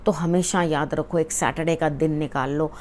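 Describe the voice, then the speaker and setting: A woman tarot reader giving a weekly forecast, speaking earnestly to the viewer and often checking in with a quick "okay" as she advises. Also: low voice, fairly even intonation, darkish tone, slight background noise. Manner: mixes English words into Hindi.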